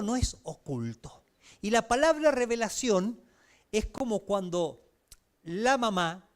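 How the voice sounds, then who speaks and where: A man with a Chilean accent delivers a church sermon in a conversational way, full of everyday examples and direct questions to his listeners. His voice sits high and swings widely in pitch. He sounds animated and engaged throughout. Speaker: pastor. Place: church service.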